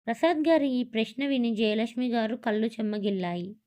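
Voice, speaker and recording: A woman narrating a serialized audio story in a steady storytelling manner. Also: a little high, brisk. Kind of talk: scripted narration.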